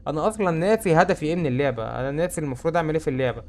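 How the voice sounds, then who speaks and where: A man's voice: on the high side, racing. A young man with an Egyptian Arabic accent, chattering through a horror game and saying he is scared. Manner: chatty, jumpy, easily spooked. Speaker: gamer. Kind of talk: let's-play commentary.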